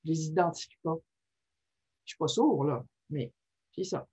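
A woman's voice: low-pitched, normal speed, slightly rough. A woman giving an informal teaching talk, often checking in with her listeners. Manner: checks in constantly with "ok?", lively and informal. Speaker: workshop presenter on reading disorders. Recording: muffled lo-fi recording.

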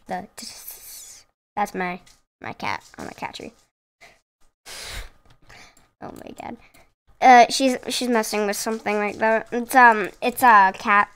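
A woman's voice: mid-range voice, a bit bright, smooth. A woman chatting casually through a game at home, rambling and laughing at herself, talking into her own microphone. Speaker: gaming video host. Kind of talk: casual let's-play commentary. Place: room at home with her cat. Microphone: own desk microphone.

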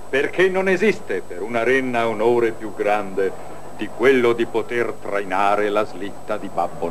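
A man's voice: medium pitch, natural voice. A man voicing a kindly, solemn old man in a dubbed cartoon, speaking in a fatherly, encouraging way. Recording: old noisy cartoon film soundtrack.

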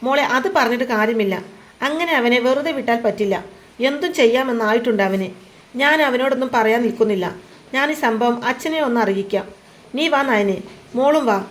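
A concerned, decisive middle-aged matriarch who speaks firmly, with a woman reading her part. The pitch sits a touch high. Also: normal speed, close to an everyday voice. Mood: determined.

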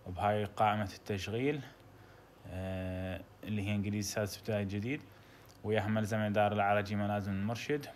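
A man with an Iraqi Arabic accent teaching an English lesson, reading English sentences slowly and then explaining them in dialect. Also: fairly low pitch, slight background noise. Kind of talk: video lesson, explaining textbook.

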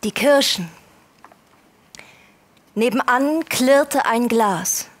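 A woman reads a short story aloud in a slow, measured way. Her voice sits a little high. She lets each sentence settle. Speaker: reader. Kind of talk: literary reading.

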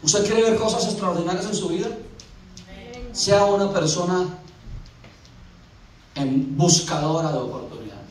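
A man's voice: sits high, measured pace, pauses often. A man preaching a sermon as pastor, telling stories and acting out little scenes in changing voices. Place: church. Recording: echoey church hall from far off.

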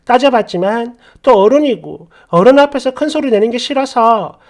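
A man narrating a first-person story aloud for a story channel, with a voice pitched strikingly high for a man. He reads as if working through the text on the fly, keeping a steady storytelling flow. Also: moderate pace. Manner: first-person narration, reading live while sorting the text. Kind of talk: reading a submitted story aloud.

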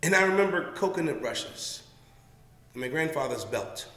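A middle-aged man from Jamaica performing spoken word poetry, rhythmic and at times dropping to a hush. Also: fairly high pitch, animated, moderate pace. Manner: rhythmic, dropping to a hushed whisper. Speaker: poet. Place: community room, indoors. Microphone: stand mic. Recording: echoey room with long reverb.

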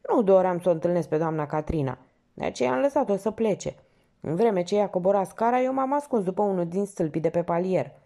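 An urgent young man from a storybook, as a woman reader plays him, pressing his questions in a raised, animated voice. The gravelly, warm grain of the reader stays under it. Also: on the low side. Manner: urgent, insistent. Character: agitated young sporty male painter.

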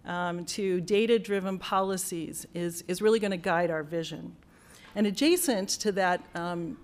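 A woman speaking at a formal building dedication in a university auditorium, talking into a podium microphone. She sounds earnest and grateful, thanking people as she goes, and she often pauses on fillers or restarts a phrase. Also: medium pitch. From United States. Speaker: college dean giving a dedication speech. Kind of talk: formal ceremony speech.

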